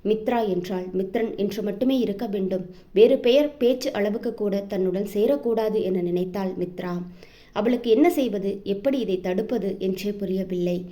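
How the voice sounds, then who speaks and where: A woman reading a romance novel aloud as an audiobook narrator, in an even storytelling manner. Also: mid-range voice, moderate pace.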